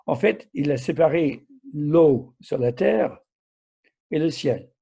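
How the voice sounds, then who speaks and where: This preacher's voice sits on the high side, warm and creaky with a breathy edge, moving at a slow pace with lively intonation. He is sixty or older, with an accent mixing southern French and American, and he gives informal Bible teaching in hesitant, slightly broken French, often correcting himself and checking that listeners follow.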